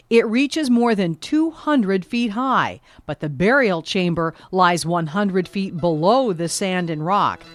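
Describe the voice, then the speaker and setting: A woman reporter giving a scripted documentary narration, measured and vivid. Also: medium pitch, no room sound.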